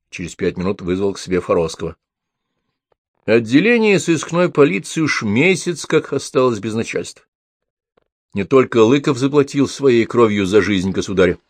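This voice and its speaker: Man, audiobook narration, even storytelling, low voice, dry close sound. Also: normal speed, no room sound. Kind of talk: scripted narration.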